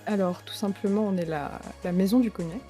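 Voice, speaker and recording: A young woman speaking as a guest in a casual chat. She is eager and enthusiastic, with a mellow voice, but often pauses on fillers. Faint music plays in the background. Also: mid-range voice. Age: young adult.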